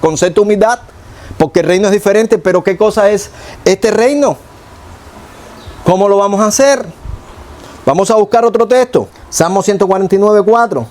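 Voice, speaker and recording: A man preaching a sermon as pastor, acting out prayers with a low hushed voice and boastful ones higher. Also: moderate pace, long pauses. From Cuba.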